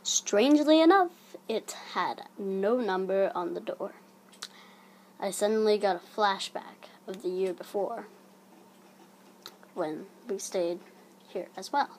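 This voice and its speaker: A woman narrating a scripted horror story in a hushed, creeping manner, breathy and sometimes sinking toward a whisper. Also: medium pitch, slow pace, pauses often. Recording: audible background noise.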